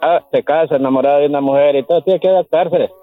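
A man from Honduras calls in over a tinny phone line, talking slowly and hesitantly. He repeats his words as he gathers his thoughts, and his voice sits somewhat high. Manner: hesitant, slow, repeats himself. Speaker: caller. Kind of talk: casual phone call.

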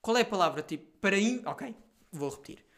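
A young man with a European Portuguese accent, putting on a pompous male politician making a slow, grandiose speech. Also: sits high, lively intonation, a bit bright, pitched above the performer's own voice. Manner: slow, grandiose, groping for words.

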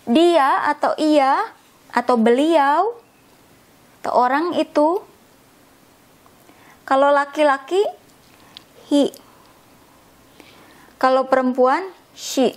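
A woman's voice: sits high, slow, pauses often. A woman teaching a language lesson, patiently explaining and repeating words, often checking in with a questioning "ya?". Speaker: English teacher.

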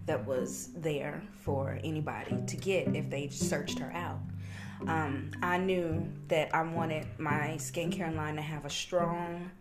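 A woman's voice: deep voice, fairly even intonation, slow. A woman speaking as a guest in a casual podcast interview, explaining things conversationally. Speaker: podcast guest, skincare entrepreneur. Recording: loud music behind the voice.

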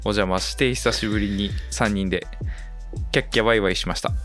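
A man's voice: lowish voice, fairly even intonation, fairly quick, a bit bright, faint music behind. A man co-hosting a casual net radio show, chatting informally. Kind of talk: casual chat.

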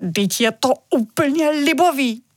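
A woman voicing a hearty, boastful father in a storybook reading, talking in a booming, self-satisfied way. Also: expressive, no room sound, clean studio sound. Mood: dismayed. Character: hearty dumpling-loving father, grown man, boastful.

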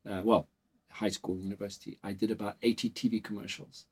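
Low-voiced man telling stories with many ums. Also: a little fast, slightly rough. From South Africa and Portugal. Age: 40s. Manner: relaxed, rambling storytelling with many fillers. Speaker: interview guest, clinic founder. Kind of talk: casual interview talk. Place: dental clinic office.

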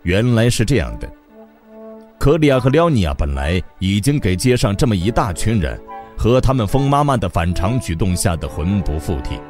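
A man narrating an audiobook in an expressive storytelling manner. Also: low voice.

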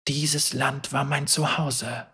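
A man's voice: a little high, moderate pace, breathy edge, long reverb tail, full character voice. A man murmuring as a weary spirit walker. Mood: solemn. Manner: quiet, restrained, murmured. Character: weary, roughened male spirit walker warrior.

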